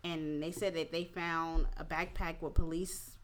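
A woman's voice: low-pitched, little pitch movement, measured pace. A slightly tipsy woman hosting a casual opinion talk, speaking candidly in slangy, profane, informal phrasing. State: a little tipsy. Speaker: podcast host.

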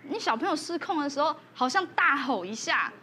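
A woman's voice: high-pitched, big pitch swings, brisk, pushed and bright, slight background noise. A woman, a mother on a parenting panel, telling a vivid story about her sons in casual chat.

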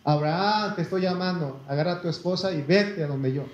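A man with a higher voice preaches a little fast, carrying a Mexican Spanish accent. Reading Bible verses, he talks folksily, calls his listeners brother, and seeks their amens. An echoey room leaves the recording slightly muffled.

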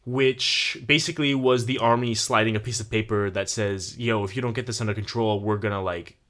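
A man's voice: lowish voice, fairly even intonation, brisk, fairly bright tone. A young adult man co-hosting a podcast, chatting casually about a film and its history, laughing often. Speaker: podcast co-host.

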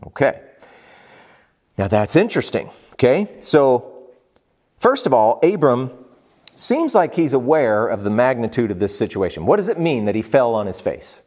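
Animated man leading a Bible study. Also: mid-range voice, moderate pace. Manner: animated, asks the group questions. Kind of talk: group Bible study teaching.

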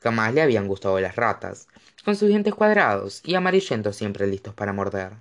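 Sex: man. Role: audiobook reader. Style: dramatic, expressive narration with lively pitch. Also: a little fast.

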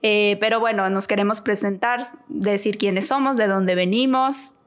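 A woman's voice: medium pitch, steady tone, normal speed. Chatty woman co-hosting a podcast. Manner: chatty, frequent laughs and tag questions. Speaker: podcast co-host. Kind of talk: casual chat.

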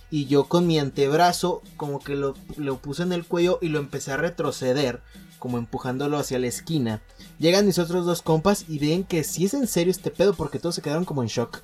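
A man's voice: medium pitch, a little mellow. Slangy, swearing young Mexican man. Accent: Mexican Spanish. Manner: slangy, profane, joking, halting with restarts. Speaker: podcast storyteller. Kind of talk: casual anecdote telling.

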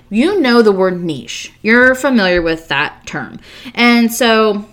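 A woman's voice: medium pitch, fairly bright tone. A woman hosting a podcast, talking in a candid, casual monologue full of rhetorical questions and the odd swear word. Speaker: podcast host.

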